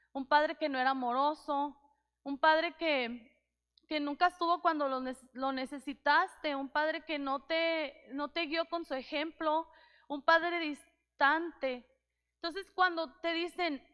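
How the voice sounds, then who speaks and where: A woman pastor in her thirties preaches in a heartfelt, storytelling way, often pausing and restarting her sentences. Her voice sits high. The sound carries the long reverb of a church hall. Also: fairly bright tone. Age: 30s. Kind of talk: sermon.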